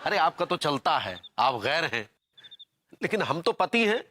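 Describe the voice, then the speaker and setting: A man's voice: a little high, big pitch swings, a little slow, very noisy. An actor playing a flustered middle-aged husband in a sitcom, stammering and sing-song as he coaxes his childlike wife. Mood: grumbling. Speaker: sitcom character. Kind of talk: broadcast sitcom acting.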